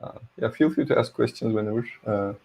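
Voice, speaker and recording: A university lecturer from Turkey gives an online tech talk at a conference over a video call. His mid-range voice is gravelly and warm with a Turkish accent, a little fast, and his manner is friendly but hesitant, with many fillers.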